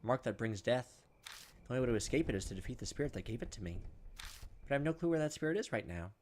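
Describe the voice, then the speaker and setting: This animated, medium-pitched man talks quickly as he hosts a let's-play, reading game text aloud and adding flippant asides. Video game music runs behind him, with slight background noise.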